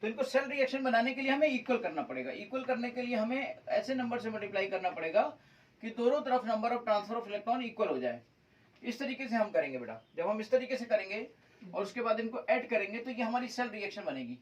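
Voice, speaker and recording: A man's voice: very high voice, lively intonation, brisk, far from the mic, poor audio. A male chemistry teacher lecturing at a board, mixing Hindi with English terms and calling his students "beta". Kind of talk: whiteboard lecture. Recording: voice from away from the mic.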